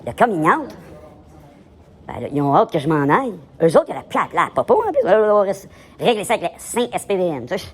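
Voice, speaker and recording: A man with a Québécois accent, livestreaming a loud, provocative, rambling monologue in a public place and switching between French and English. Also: sits high, big pitch swings, quick pace, breathy edge. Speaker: live vlogger.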